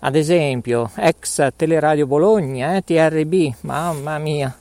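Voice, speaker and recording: A man's voice: fairly high pitch, measured pace, darkish tone, no room sound. A middle-aged man hosting a live mobile radio broadcast while walking outdoors through city streets, slightly out of breath. He rambles and jokes, tagging his lines with a questioning "eh?". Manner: rambling, jokey, tags lines with "eh?". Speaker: web radio host.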